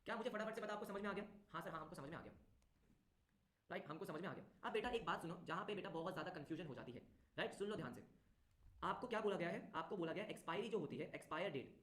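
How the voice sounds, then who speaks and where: A male tutor teaching an online class, talking briskly, repeating phrases and urging students to answer quickly. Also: high voice, a bit bright. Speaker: commerce exam tutor. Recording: roomy echo.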